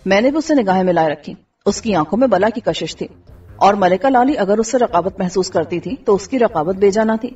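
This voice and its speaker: Husky woman narrating a story. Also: medium pitch. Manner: steady storytelling. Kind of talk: scripted audiobook narration. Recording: dull distant recording with faint music.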